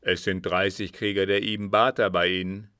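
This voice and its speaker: A man's voice: deep voice, level tone, moderate pace, pushed and bright, smooth, dry recording, clean studio sound. Man reading as a cunning, emphatic disguised agent. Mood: persuasive. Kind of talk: audiobook reading.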